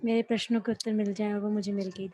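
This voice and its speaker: A woman's voice: mid-range voice, flat delivery, quick pace, dark tone. Grateful woman class participant. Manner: respectful, grateful. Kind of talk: casual devotional sharing.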